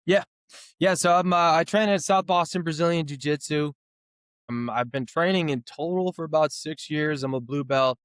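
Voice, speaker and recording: Smooth-voiced man of thirty, dry sound. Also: medium pitch, dry recording. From New England. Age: 30s. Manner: relaxed storytelling with many fillers and restarts. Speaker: guest, physical therapist. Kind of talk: casual interview talk.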